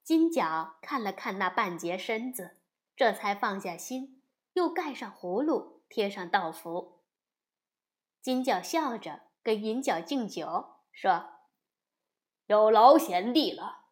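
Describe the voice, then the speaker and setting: A woman narrating a classic storybook tale with a slow, expressive reading. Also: mid-range voice.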